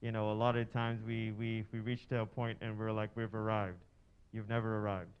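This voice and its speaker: Hesitant man, smooth voice. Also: fairly low pitch, little pitch movement, muffled recording. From Trinidad and Tobago. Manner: halting, many fillers and restarts. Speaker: workshop participant. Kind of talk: church workshop discussion.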